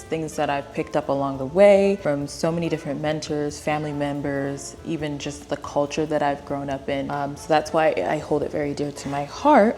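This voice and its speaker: A woman's voice: low voice, darkish tone. A young woman from South Sudan, a singer-songwriter, talking earnestly and reflectively to camera about her music. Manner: earnest, reflective, unhurried storytelling. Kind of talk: casual vlog talk to camera. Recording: faint music underneath.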